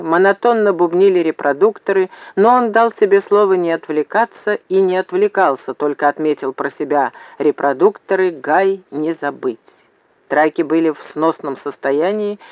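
Man narrating an audiobook, steady storytelling, slightly raised pitch, dry, muffled. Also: normal speed, hardly any pauses, no echo. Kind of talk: scripted narration.

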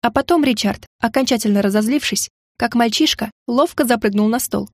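A woman reads a first-person novel aloud with steady, expressive narration. Her voice sits somewhat high. The recording is close and dry. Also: fairly quick, no room sound. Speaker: audiobook narrator.

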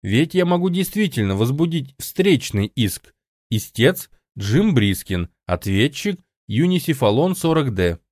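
A man voicing a tired, defiant male broadcaster in an audiobook, speaking slowly and deliberately. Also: medium pitch, very animated, a little mellow, no echo, studio quality. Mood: weary defiance. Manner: weary, slow and deliberate.

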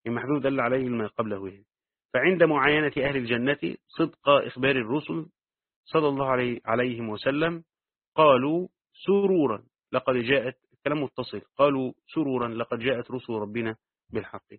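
A man with an Egyptian accent teaching Quran commentary. He reads the text aloud and then adds quick asides in colloquial dialect. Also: medium pitch, dry recording. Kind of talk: reading and explaining a tafsir text. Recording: dry, phone-like narrow sound.

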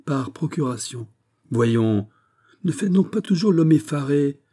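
A man reading an audiobook, voicing a haughty, sharp-tongued young princess with ironic, exasperated questions. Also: fairly high pitch, lively intonation, measured pace, voice pushed up. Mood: scornful.

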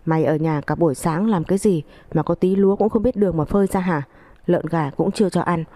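A foul-mouthed, spiteful older village mother-in-law, as a woman narrator puts her on, who spits out coarse insults and belittling tirades. The voice sits low and dark. It is a story reading in a dry, close setting. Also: a little fast, dry recording, close to an everyday voice. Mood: abusive scolding.

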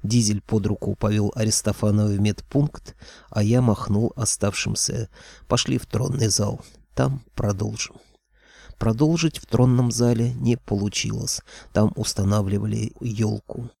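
A man's voice: lowish voice, gravelly, dark tone, no echo. A man narrating a first-person fantasy audiobook in a wry, conversational way.

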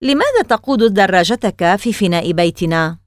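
A woman voicing a spirited twelve-year-old girl who asks sharp, indignant questions in a storybook reading. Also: mid-range voice, lively intonation, brisk, dry recording, studio quality, close to an everyday voice.

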